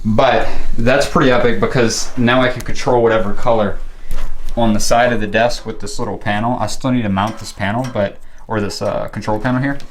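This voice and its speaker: A man's voice: fairly low pitch, a little hiss or hum. A man giving a casual, unscripted show-and-tell vlog in a rambling, laid-back way, recorded on a camera in his room at home. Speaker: vlogger showing a home tech setup. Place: bedroom at home.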